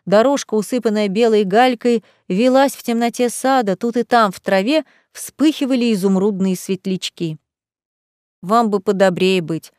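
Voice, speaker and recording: A woman reading a fantasy novel aloud as the narrator, in an even, measured way. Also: a little high, dry recording, studio quality. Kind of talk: audiobook narration.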